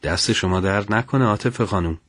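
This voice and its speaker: A man's voice: fairly low pitch, fairly bright tone, breathy edge, dry recording, studio quality. A man voicing a kind, good-humoured middle-aged father who reads and writes at home. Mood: kindly.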